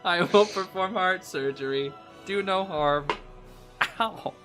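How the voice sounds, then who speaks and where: A woman's voice: lowish voice, slow pace, over music. A woman putting on a joking robot voice, playing a hungry machine that wants to be charged. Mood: deadpan.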